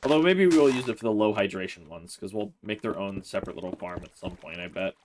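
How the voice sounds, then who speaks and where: A man hosting a Let's Play, chatting through his gameplay in a relaxed, rambling way, thinking aloud with plenty of "uh" and "like". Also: lowish voice, fast talker, noisy background. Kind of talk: casual gameplay commentary.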